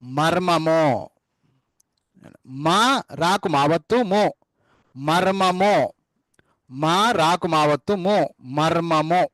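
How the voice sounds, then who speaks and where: A man's voice: a little high, slow, long pauses, fairly bright tone, no room sound. A man teaching a spelling lesson, repeating each word several times and spelling it out letter by letter. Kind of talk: classroom dictation lesson.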